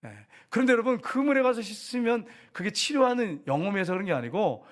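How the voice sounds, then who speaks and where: A male pastor delivers a sermon with a fairly high voice. He tells the story vividly, acting out what people said and throwing questions to the congregation. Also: brisk. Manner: animated storytelling, dramatizes quotes, asks the congregation questions. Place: church.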